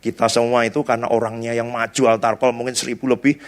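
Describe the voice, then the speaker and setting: A man's voice: medium pitch, flat delivery, fast talker. A male pastor giving a conversational sermon, telling stories in a chatty way with frequent tag questions.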